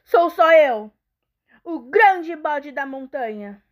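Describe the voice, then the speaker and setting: A woman voicing a huge, fearless male goat who booms defiant challenges. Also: sing-song, a little slow, bright, forceful tone, exaggerated voice. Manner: booming, defiant.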